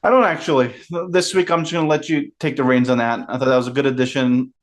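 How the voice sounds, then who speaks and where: A man co-hosting a casual film review podcast, making brief, low-key remarks. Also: steady tone, fast. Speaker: podcast co-host.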